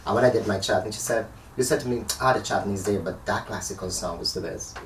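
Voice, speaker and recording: A Guyanese dancer with a fairly low voice talks fast as a guest in a casual interview, telling stories with animation. He sits far from the mic in an echoey room with faint noise.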